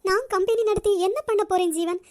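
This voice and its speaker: A tender young cartoon heroine, voiced by a woman, speaking in a very high, emotional, pleading voice. The sound is dry and close. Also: fast, darkish tone, no echo. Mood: tearful.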